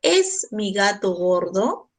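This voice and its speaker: Very slow, deliberate woman teacher. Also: medium pitch, very animated, rough recording. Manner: slow and deliberate, spelling out each step. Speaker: English teacher. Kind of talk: classroom grammar lesson.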